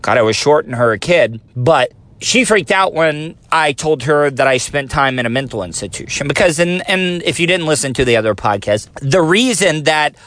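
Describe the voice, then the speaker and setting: With a thin, slightly high and somewhat bright voice, this man in his forties talks expressively at a moderate pace with few pauses. He hosts a casual solo podcast on his phone, rambling and making fun of himself.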